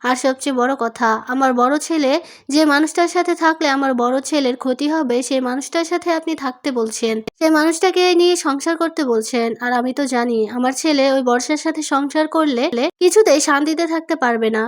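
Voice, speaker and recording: A sharp-tongued, strict middle-aged mother lectures her family in a high, insistent voice, read aloud by a woman. She presses her point firmly in a plain spoken serial recap. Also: a little fast, close to an everyday voice.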